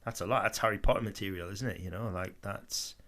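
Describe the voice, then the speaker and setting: Rambling, swearing man with a low voice. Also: quick pace, a bit bright. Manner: rambling, swears freely, leans on "I mean". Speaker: podcast co-host. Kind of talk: casual podcast chat.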